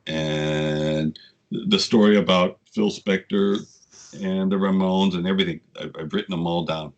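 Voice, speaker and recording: A man in his sixties, a guest telling casual, rambling stories with frequent swearing, getting animated when he quotes people. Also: low-pitched, a little slow, dull audio. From United States. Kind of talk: casual storytelling interview.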